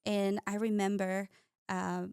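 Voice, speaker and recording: In a relaxed interview, a guest who is a cosmetic scientist raised in Ecuador shares her story with warmth, often saying "uh" and making minor grammar slips. Her mid-range voice is smooth, slow and shows little pitch movement. The audio is studio quality without echo.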